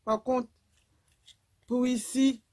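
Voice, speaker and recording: A woman's voice: high-pitched, level tone, drawn-out words, darkish tone. A woman, casually chatting through a clothing haul video and rambling with lots of fillers. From Guadeloupe. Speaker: vlogger.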